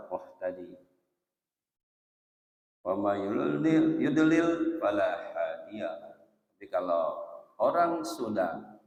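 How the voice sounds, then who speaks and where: A man preaching at an unhurried pace, his pitch leaping and falling as he moves between loud emphasis and quiet asides. He slows down to chant verses. His voice rings through a mosque hall with a long reverb tail. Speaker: ustadz preacher. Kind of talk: dawn mosque sermon.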